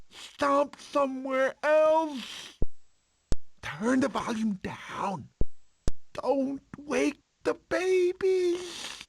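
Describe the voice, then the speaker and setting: An actor playing a cowardly, talkative male sloth in an animated video game, with an excitable, theatrical, whiny delivery. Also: extremely high pitch, vocal fry, slight background noise, heavily acted. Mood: annoyed, pleading.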